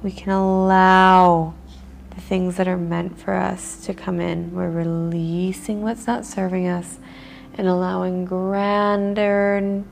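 Slow, gravelly-voiced woman guiding meditation. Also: fairly low pitch, flat delivery, a little hiss or hum. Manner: slow, soft and soothing, with breathy pauses. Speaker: meditation guide. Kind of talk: guided meditation.

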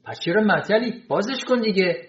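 A man voicing an impatient gentleman looking for work, curt and fed up. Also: sits high, lively intonation, pitched above the performer's own voice. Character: impatient job-seeking gentleman. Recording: roomy, dull sound.

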